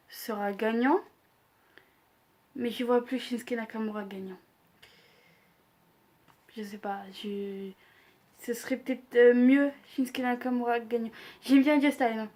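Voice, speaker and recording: Young woman vlogger, slow and hesitant, flat delivery, higher-pitched, casual predictions chat. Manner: hesitant, many fillers, self-deprecating. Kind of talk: casual wrestling predictions vlog.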